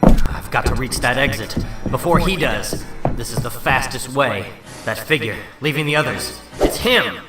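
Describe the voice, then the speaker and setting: A man's voice: medium pitch, normal speed, close to an everyday voice. A man voicing a determined, wisecracking superhero who thinks aloud in a dramatic comic-book reading. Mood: focused. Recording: roomy, distant mic, loud music underneath.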